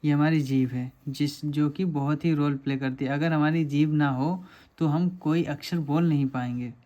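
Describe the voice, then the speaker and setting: A man's voice: a little high, fairly even intonation, normal speed, dark tone. A man teaching a lesson over diagrams, patiently asking questions and answering them himself.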